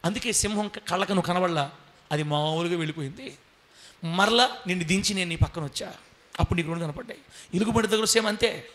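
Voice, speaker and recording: A man voicing Jesus as a patient, fatherly figure who gently scolds and reassures. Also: high voice, quick pace. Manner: tender, reassuring.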